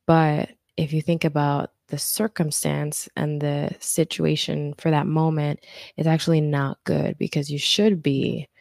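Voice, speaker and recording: Low, gravelly-voiced woman life coach. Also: a little mellow, dry recording, clean studio sound. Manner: earnest, faith-centered storytelling. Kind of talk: conversational interview.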